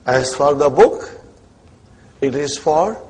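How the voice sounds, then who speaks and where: Male language teacher, slightly high husky voice, slow classroom dictation with frequent comprehension checks. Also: lively intonation, a little mellow. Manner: repeatedly checks understanding with short questions. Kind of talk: slow lesson dictation, reading phrases out and translating for students.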